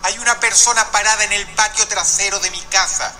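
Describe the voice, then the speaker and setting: A man reading the lines of a frightened little boy calling an emergency line, in a quiet, trembling way. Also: high-pitched, steady tone, a little fast, faint music behind. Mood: scared.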